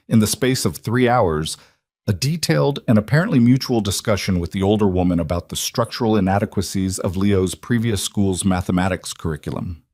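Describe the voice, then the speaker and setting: Low-voiced man narrating a story. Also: darkish tone, no room sound, studio quality. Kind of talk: scripted audiobook narration.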